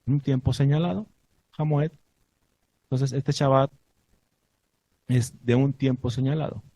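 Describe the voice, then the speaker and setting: Mellow, husky man teaching a congregation. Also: mid-range voice, dry recording, rough recording. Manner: asks the congregation questions, recites Hebrew blessings. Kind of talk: sermon teaching.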